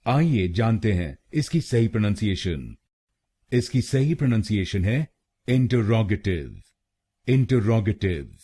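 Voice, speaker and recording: A man with an Indian accent giving a scripted pronunciation lesson, drilling a word slowly syllable by syllable. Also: fairly low pitch, mellow, husky. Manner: slow, deliberate syllable-by-syllable drilling. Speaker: pronunciation teacher.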